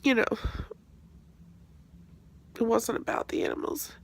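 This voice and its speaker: A crying, blubbering woman in an emotional confessional monologue, halting and sighing, her voice creaky and breaking into whispers.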